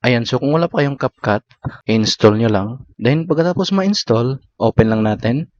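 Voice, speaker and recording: This step-by-step app tutorial is narrated by a male host with a Filipino accent, using short instructional phrases. He sounds expressive, with a medium-pitched, darkish voice at a moderate pace, captured without echo in slightly dull lo-fi audio.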